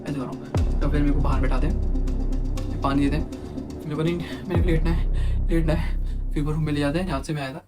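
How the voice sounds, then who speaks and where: A young man casually telling a personal story as a vlogger, animated and acting out what others said. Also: a little high, a little fast. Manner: animated, quotes others in acted asides. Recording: music playing underneath.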